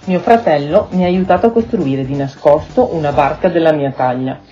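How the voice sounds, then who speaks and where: A woman radio host presenting and reading children's books in a clear, steady voice. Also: low-pitched, normal speed, soft background music. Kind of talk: scripted radio book presentation. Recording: dull lo-fi radio sound.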